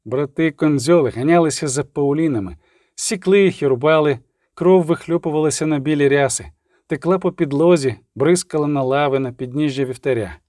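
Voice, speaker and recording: A man narrates an audiobook with a steady, even read. His voice sits a little high for a man. The sound is dry and close, with no room around it. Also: brisk, no echo. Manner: steady storytelling read, acting out characters.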